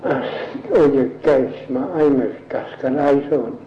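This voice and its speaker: A man giving halting, hesitant answers as a language informant in an elicitation interview. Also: mid-range voice, steady tone. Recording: echoey, dull old field recording with faint hiss.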